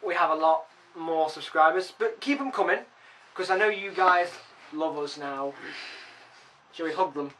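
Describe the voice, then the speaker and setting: A man's voice: on the high side, moderate pace, long pauses, bright, forceful tone, recorded from a distance, slight background noise, poor audio. A man chatting playfully in a casual comedy vlog, teasing his friend. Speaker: vlogger.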